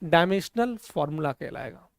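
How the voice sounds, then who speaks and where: A man's voice: a little high, animated, moderate pace, vocal fry, dry recording, clean studio sound. A male physics teacher giving a board lecture, mixing English terms into Hindi and often asking the class if they follow. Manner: repeats questions to the class and answers them himself; mixes English terms with Hindi, frequently checks understanding.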